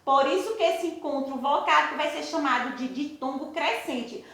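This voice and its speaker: A woman's voice: sits high, moderate pace, fairly bright tone. A woman teaching a primary school class, patiently repeating herself and putting rhetorical questions to her pupils. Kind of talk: recorded online class. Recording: very echoey room.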